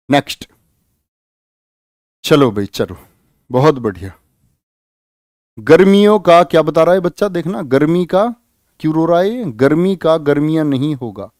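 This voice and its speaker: A man's voice: mid-range voice, darkish tone, clean tone, no echo, clean studio sound. A man teaching grammar in a live exam-prep class, repeating questions and prodding students to answer.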